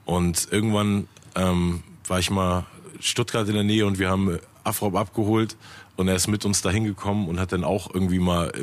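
A middle-aged man with a fairly low voice, talking casually on a podcast. He rambles through his thoughts, restarting sentences and drifting into loose asides. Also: little pitch movement, normal speed. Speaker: rapper guest.

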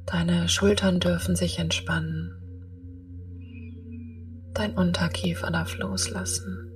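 A woman guiding a meditation in a soft, breathy, half-whispered soothing voice, speaking in slow, spaced-out calm instructions. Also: lowish voice, far from the mic, soft background music. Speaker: podcast host and meditation guide. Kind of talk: guided meditation.

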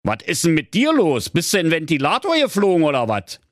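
A man's voice: on the high side, huge pitch swings, brisk, dry recording, studio quality, pitched above the performer's own voice. A man voicing a grumpy, bossy male donkey with a Berlin accent in a comic audiobook. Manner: bossy, blustering, Berlin slang. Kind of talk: audiobook fairy-tale parody.

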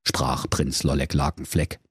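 A man narrating a comic bedtime story in a playful, animated way. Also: very deep voice, unhurried, slightly rough, no room sound, clean studio sound.

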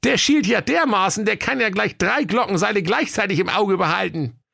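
A man's voice: high voice, normal speed, bright, forceful tone, voice pushed up, exaggerated voice. A man voicing a sneaky male church sexton who stammers and. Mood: doting. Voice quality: gravelly, hesitant.

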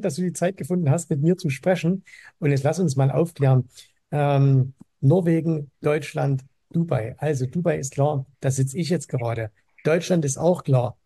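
A man hosting a podcast interview in a casual, halting way, with many fillers and restarts. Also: fairly high pitch, warm tone, husky, no echo, studio quality. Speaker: podcast host. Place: Dubai.

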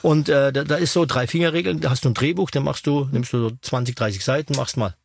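A man in his fifties, an actor and guest, telling lively anecdotes in casual chat and slipping into voices. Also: mid-range voice, quick pace, creaky, noisy background. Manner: animated storyteller who acts out voices.

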